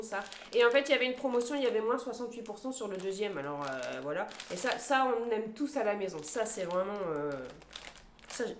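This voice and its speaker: There's background noise and an echoey room around this woman's fairly high voice. She's in her thirties, chatting to a phone camera at home and running through her grocery purchases one by one, filling pauses with lots of hesitations.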